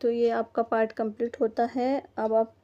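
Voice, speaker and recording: A woman's voice: on the high side, flat delivery, a little slow, warm tone. A woman teaching a first-grade textbook lesson to young children, patiently sounding out words letter by letter. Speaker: primary school teacher. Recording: dull lo-fi recording.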